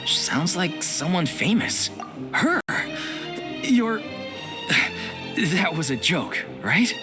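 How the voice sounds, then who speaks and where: A man's voice: high voice, big pitch swings, extremely slow, over music, heavily acted. A man playing a polite, earnest, worried member of an amateur theatre troupe in a video game, modest and hesitant. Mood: hesitant, awed.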